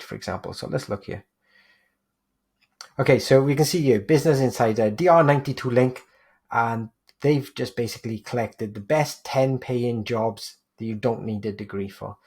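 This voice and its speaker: Gravelly husky man explaining a tutorial. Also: mid-range voice, a little mellow. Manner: explanatory, walks through examples on screen. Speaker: digital PR agency presenter. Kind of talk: screen-share tutorial.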